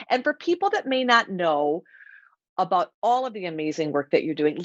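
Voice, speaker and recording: A woman's voice: lowish voice, no echo, muffled recording. A woman hosting an interview who talks in an effusive, complimentary way. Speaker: host.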